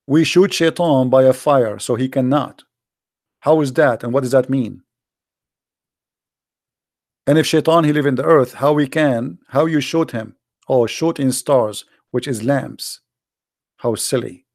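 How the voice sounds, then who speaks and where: A religious polemicist who hosts, this emphatic man with an Arabic accent delivers an impassioned, informal monologue to an online audience, blunt and full of repeated phrases and rhetorical questions. His gravelly, mid-range voice is a little mellow and unhurried, broken by long pauses. It's studio quality, with no room sound.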